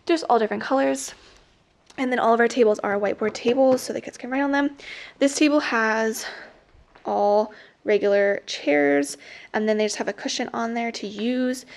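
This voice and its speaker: A woman's voice: a little high, moderate pace, creaky. A young woman, a teacher, giving a casual, rambling tour of her classroom while walking a camera around. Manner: chatty, rambling, many "like" fillers. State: slightly out of breath. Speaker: teacher and vlogger. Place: classroom, indoors.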